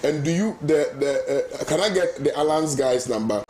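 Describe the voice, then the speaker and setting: A Ghanaian man hosting a lively morning radio talk show, emphatic and given to repeating phrases. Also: on the high side, normal speed. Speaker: host.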